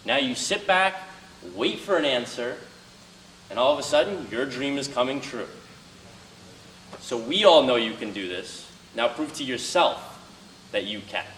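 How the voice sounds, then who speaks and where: An expressive young man of medium pitch, unhurried and pausing often, talks to students as a guest speaker and answers questions. Albanian is his first language; his tone is earnest and motivational, loud at first. It was recorded from afar in a roomy classroom with faint noise.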